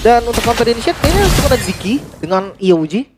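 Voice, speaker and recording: A man's voice: extremely high pitch, very animated, quick pace, very noisy. An Indonesian man giving live esports commentary as a caster. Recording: loud music behind the voice. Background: loud music.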